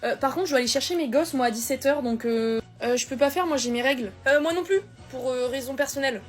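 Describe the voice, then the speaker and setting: High-voiced woman doing comedy skits. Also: fast, soft background music. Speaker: comedy creator. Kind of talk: comedy sketch.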